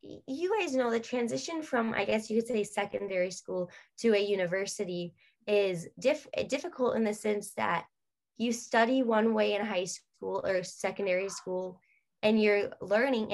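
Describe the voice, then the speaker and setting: A young woman, a guest singer, talking earnestly and chattily on a video call, drifting off on tangents. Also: medium pitch. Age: young adult. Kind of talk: casual video-call interview. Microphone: laptop webcam on video call.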